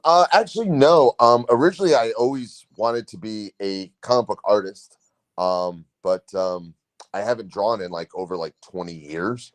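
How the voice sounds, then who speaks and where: A man in his forties talks on a podcast in a low voice, recorded dry and close. He rambles through his story, acting out both sides of each conversation, and laughs often. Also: expressive, normal speed, dry recording. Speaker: guest comic writer. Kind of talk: casual podcast chat.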